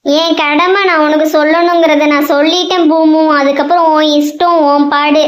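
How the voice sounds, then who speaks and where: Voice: high-pitched, little pitch movement, normal speed, natural voice. Someone voicing a bossy female spirit in a cartoon who scolds and warns in a lecturing way, with a Tamil accent. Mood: scolding. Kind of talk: cartoon voice acting. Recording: roomy, dull lo-fi sound.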